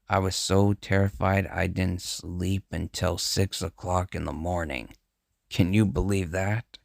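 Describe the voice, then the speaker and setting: A man with a very low, gravelly voice reads a first-person horror story at an unhurried pace. His delivery stays measured and grim throughout, and the recording is dry and close with no room sound. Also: no room sound. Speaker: narrator.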